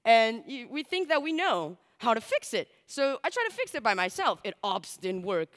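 Very animated and fairly bright, this woman's fairly high voice moves at a moderate pace as she gives a chatty, candid conference talk loaded with likes and asides. She's in her twenties, a native Portuguese speaker, on a large dark stage with an audience, using a headset mic, with long hall reverb.

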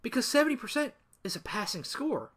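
A man's voice: very high-pitched, big pitch swings, brisk, fairly bright tone, breathy edge. A young man ranting casually to camera in a sarcastic, rambling way, full of asides. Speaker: gaming video creator. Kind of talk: casual opinion rant to camera.

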